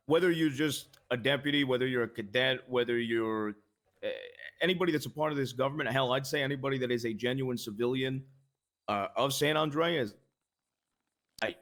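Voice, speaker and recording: A man's voice: mid-range voice, a bit bright. A man playing a senator in a game role-play, answering a crowd's questions bluntly, swearing and stammering on restarts. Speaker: senator in a roleplay briefing.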